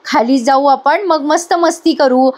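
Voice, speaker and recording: Woman playing a nervous young husband. High-pitched, anxious, hushing. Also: measured pace. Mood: pleading. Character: flustered young husband trying to calm her.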